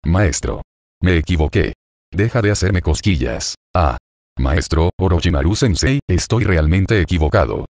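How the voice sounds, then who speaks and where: A flustered young female ninja apprentice from a web novel, read by a man in his own low voice. She talks in quick, apologetic bursts, and the sound is dry and close. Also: animated, darkish tone, dry recording.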